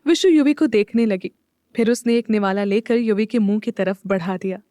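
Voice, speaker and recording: A woman's voice: mid-range voice, normal speed, dark tone, dry recording, studio quality. A woman narrating a scripted audio drama, reading all the parts herself.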